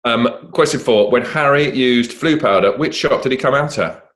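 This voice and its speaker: A man's voice: medium pitch, moderate pace, a bit bright. A middle-aged man co-hosting a quiz, reading questions and telling backstage stories. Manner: reads questions cheerfully, chatty and anecdotal. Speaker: quiz co-host.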